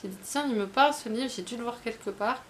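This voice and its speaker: A woman's voice: a little high, fast, slight background noise. A woman chatting casually about her book haul, talking in a hesitant way with many fillers and restarts. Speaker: book vlogger.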